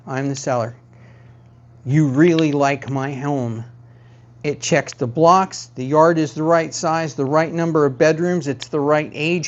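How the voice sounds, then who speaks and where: A man's voice: fairly high pitch, lo-fi sound. Emphatic man giving real estate advice. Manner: emphatic, repeats key phrases for stress. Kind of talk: direct-to-camera advice talk.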